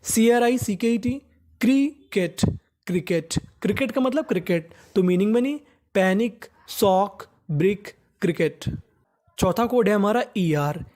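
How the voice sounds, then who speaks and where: A man teaching English phonics in a lesson. He spells each word out slowly, says it twice in a lower voice, and asks the class short questions that he answers himself. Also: a little mellow.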